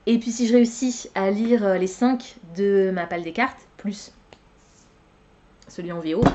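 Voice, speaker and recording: A woman's voice: medium pitch, dark tone, lo-fi sound. A young woman chatting casually as a book vlogger, hesitant, with many fillers and self-corrections. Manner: laughs at her own slips. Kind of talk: casual chat.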